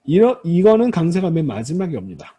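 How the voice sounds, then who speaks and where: Animated, husky man teaching a class. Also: a little high, fairly quick. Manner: explains step by step, addresses students politely; demonstrates Hebrew word stress aloud. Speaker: Hebrew instructor. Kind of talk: recorded lecture.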